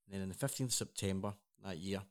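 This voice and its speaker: A man's voice: low-pitched, fast talker, clean tone. A man co-hosting a casual news chat, earnest and rambling with frequent restarts. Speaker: co-host.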